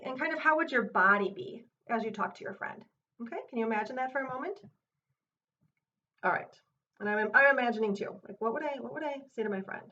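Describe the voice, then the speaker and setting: A woman teaching self-compassion, guiding an exercise in a gentle, unhurried way and thinking aloud with fillers and restarts. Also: on the high side. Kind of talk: guided exercise with her child. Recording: distant, muffled mic with faint hiss.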